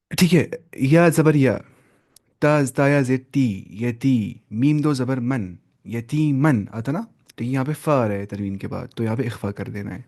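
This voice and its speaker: A young man teaches a live online Quran reading lesson in a mellow, mid-pitched voice. He sounds out each letter and vowel mark slowly before blending them into whole words. He often poses a question and answers it himself, checking that his students follow. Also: creaky.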